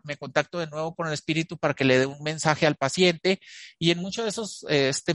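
A man recounts his therapy cases to an interviewer in a slightly high voice. He tells them as stories, pausing on fillers and restarting his sentences. The recording is dry and close. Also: fairly bright tone, no room sound. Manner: storytelling with frequent fillers and restarts. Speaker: channeling therapist.

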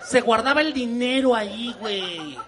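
A man's voice: very high-pitched, normal speed, a bit bright, some chatter behind. Mexican man doing crude stand-up. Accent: Mexican Spanish. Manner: crude, slangy, laughing through the story. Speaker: stand-up comedian. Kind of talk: stand-up comedy set. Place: comedy venue with a live audience. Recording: live audience laughter behind him.

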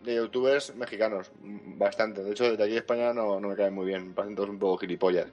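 Dude from spain, rambly and sweary, podcast mic, bit of music. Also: male voice, fairly low pitch, steady tone, quick pace, a little mellow, dull audio. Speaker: podcast co-host. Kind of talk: casual gaming podcast chat.

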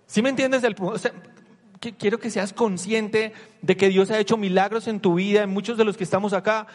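Animated man preaching in a reverberant hall. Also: high-pitched, fairly quick. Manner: animated, asks the listeners rhetorical questions. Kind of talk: conversational sermon. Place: church hall with a congregation.

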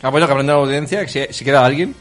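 A man speaking as a podcast guest in casual chat, quick and joking. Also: mid-range voice, soft background music.

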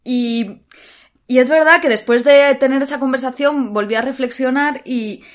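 A woman with a Spanish accent talks as a guest in a relaxed podcast interview. She sounds a little nervous, laughs often, and keeps stopping to hunt for the right word. Her voice sits somewhat high. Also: normal speed. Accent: Spanish, Spain. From Spain, Alicante. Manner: laughs often, searches for words, restarts. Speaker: guest actress.

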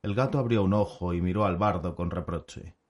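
A man narrating an audiobook in an even storytelling manner. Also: deep voice, a little fast.

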